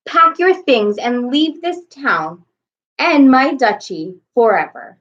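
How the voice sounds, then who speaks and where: A woman's voice: high voice, expressive, slow, a bit bright, muffled recording, pitched above the performer's own voice, full character voice. Woman playing an angry, imperious storybook Duke. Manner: roaring, commanding.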